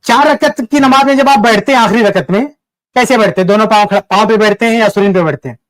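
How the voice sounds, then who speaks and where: High-pitched man grilling a caller. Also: a bit bright, no echo. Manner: insistent, repeats pointed questions. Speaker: host questioning a caller. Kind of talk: live debate call-in.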